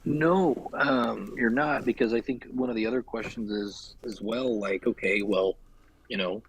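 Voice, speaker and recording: A man's voice: medium pitch, a little slow, slight background noise, rough recording. A man co-hosting a casual podcast, talking politics in a thoughtful, filler-heavy way. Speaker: podcast co-host.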